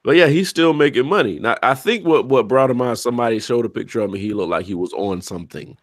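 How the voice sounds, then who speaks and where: A podcast co-host chats casually, joking around in a loose, laid-back way and swearing freely. His mid-range voice has lively intonation and a quick pace, recorded with no echo.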